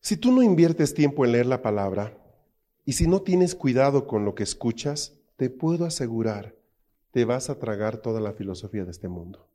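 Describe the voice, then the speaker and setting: Emphatic Spanish-speaking preacher. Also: male voice, mid-range voice, animated, moderate pace, mellow. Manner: emphatic, full of rhetorical questions to the congregation. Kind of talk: sermon.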